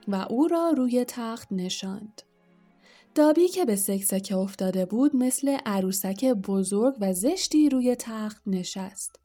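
A woman narrating an audiobook story in a measured storytelling manner. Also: mid-range voice, mellow. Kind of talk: scripted narration.

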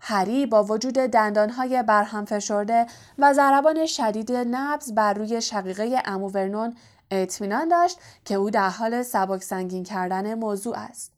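A woman reading an audiobook in steady, even scripted narration. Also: on the high side.

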